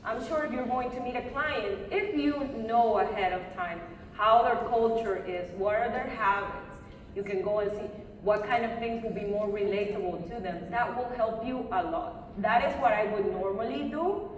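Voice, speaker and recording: A woman who coaches public speaking gives a live conference talk with audience questions in a session room, offering encouraging, direct advice in a raised pitch at normal speed. The hall is very echoey and the microphone is far away, with heavy reverberation and faint noise.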